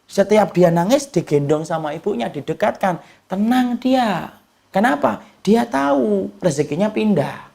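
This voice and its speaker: An Islamic preacher gives a lively sermon in a rough, gravelly voice that's high-pitched and a little slow. He poses questions to the congregation and answers them himself, sometimes dropping into brief, humorous quoted voices.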